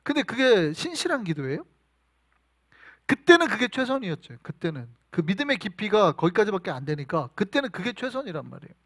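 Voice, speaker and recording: A male pastor preaching a sermon, telling animated stories and asking the congregation questions. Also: high-pitched, brisk, no room sound.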